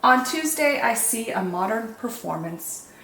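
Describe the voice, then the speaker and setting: A storytime host with a fairly high voice reads picture books aloud, deliberate and expressive, holding words out for dramatic weight. The recording has an echoey room sound and faint background noise.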